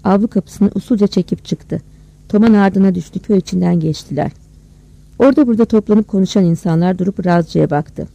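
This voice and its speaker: A narrator reading a village story aloud in a steady, measured storytelling manner. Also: mid-range voice, gravelly, poor audio. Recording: dry close recording.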